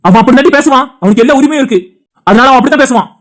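A woman's voice: high voice, very fast, natural voice. A woman with a Tirunelveli Tamil accent voicing an angry husband in a cartoon, who scolds his wife in a heated, insulting way while defending his brother. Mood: contemptuous. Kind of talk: cartoon dialogue acting.

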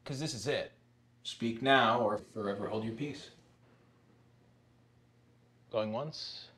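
A smug lawyer cousin. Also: male voice, on the low side, slow pace, a bit bright, slightly rough, heavily acted. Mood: businesslike. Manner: dry, needling, sarcastic. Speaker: actor in a short film. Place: house basement and kitchen, indoors.

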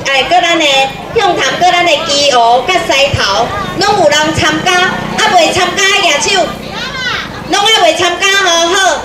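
A middle-aged woman with a Taiwanese accent hosting a community stage event, calling out to the audience in a folksy way with repeated urgings. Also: extremely high pitch. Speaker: event host. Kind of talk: live stage announcing in Taiwanese Hokkien. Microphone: handheld microphone through PA speakers. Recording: echoey outdoor PA with crowd noise. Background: crowd noise.

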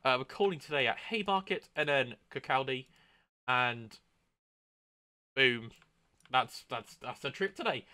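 A chatty man commentates on a train simulator stream, greeting viewers and tossing in playful exclamations. His voice is very bright and edged, smooth and clear, and it sits close and dry on the mic with no room sound. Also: medium pitch, expressive, unhurried, pauses often, no room sound. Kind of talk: casual gameplay commentary.

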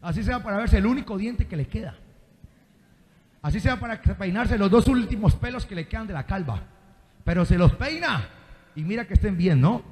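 A man's voice: high-pitched, expressive, normal speed, pauses often, darkish tone. A man preaching a sermon, constantly quizzing the congregation with call-and-response questions. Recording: reverberant hall.

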